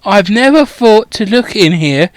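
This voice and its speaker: A man's voice: high voice, lively intonation, unhurried, no room sound. A know-it-all teenage witch scolds her friends with plenty of swearing, played by a man in a raised voice. Her tone swings widely and lands hard on her insults. The delivery is close and dry. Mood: bossy. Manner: bossy, exasperated, sweary.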